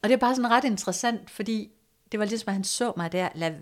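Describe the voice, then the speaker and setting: In a casual conversation, a woman with a mid-range voice calmly recounts a personal story. She sounds reflective and hesitant, using fillers and sometimes sinking to a soft near-whisper.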